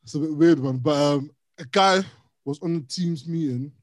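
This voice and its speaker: A man's voice: a little high, normal speed, no echo. A young man co-hosting a podcast, telling stories in casual chat and laughing often. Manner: animated storyteller, laughs often. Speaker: podcast co-host.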